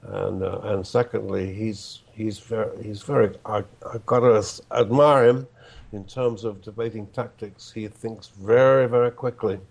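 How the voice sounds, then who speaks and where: A man talking as a guest on a podcast, halting and hesitant with many restarts. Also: lowish voice, fairly even intonation, vocal fry, a little mellow. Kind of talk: casual chat.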